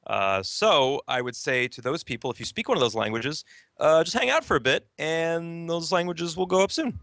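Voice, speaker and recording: A man talking as a game developer guest in a casual interview, animated and explaining. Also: on the high side, moderate pace, no echo.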